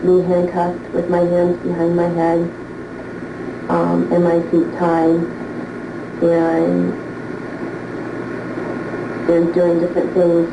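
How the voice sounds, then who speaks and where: A woman speaks hesitantly, stopping often with fillers. Her voice is flat and gravelly. It plays from a worn videotape copy, roomy and hissy. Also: fairly low pitch. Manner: hesitant, many pauses and fillers. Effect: worn videotape copy of testimony. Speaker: witness giving testimony.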